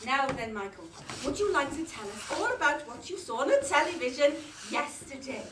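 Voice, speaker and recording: A gushing sing-song Welsh schoolteacher. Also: female voice, high voice, expressive, fairly quick. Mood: coaxing. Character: fussy, doting village schoolteacher. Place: theatre stage, dress rehearsal. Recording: roomy stage, far from mic, noisy.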